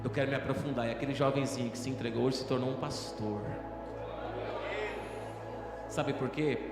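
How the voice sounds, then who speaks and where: A young male pastor from Brazil, preaching a sermon with rising intensity and dramatic pauses, recorded in a small church hall. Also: medium pitch, fairly even intonation. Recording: echoey church hall with music behind.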